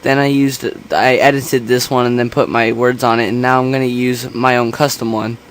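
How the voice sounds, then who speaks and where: A man giving a casual software tutorial in a quiet, understated voice, kept a little back from the microphone. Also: medium pitch, little pitch movement, normal speed. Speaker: tutorial host. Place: indoors at a computer. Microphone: separate microphone, not held close. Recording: noisy room hum, quiet separate mic.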